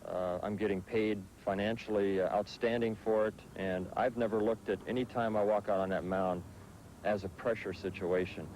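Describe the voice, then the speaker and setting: A man in his thirties, a professional baseball pitcher from the Netherlands who was raised in Southern California, answering interview questions in a relaxed way with frequent fillers. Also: normal speed, a little hiss or hum, rough recording.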